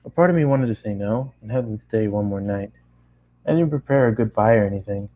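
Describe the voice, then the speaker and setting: Here a man with a fairly low pitch reads a story aloud a little fast, an amateur fan-fiction narrator who keeps tripping over phrases and going back over them. He sounds tired and out of steam. His voice is narrow and the audio tinny.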